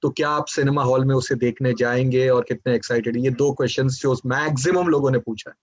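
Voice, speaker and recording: A man's voice: medium pitch, steady tone, fairly quick, dry recording. Agreeable male interviewer, dry dull sound. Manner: agreeable, reads out fans' questions. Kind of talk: casual interview.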